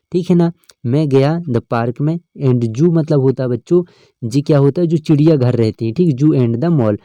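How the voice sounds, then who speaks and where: Man teaching grammar, deep warm voice, keeps saying ok right, dry close recording. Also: dry recording. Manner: explains step by step, often adds "ठीक है ना". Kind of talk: exam-prep lesson.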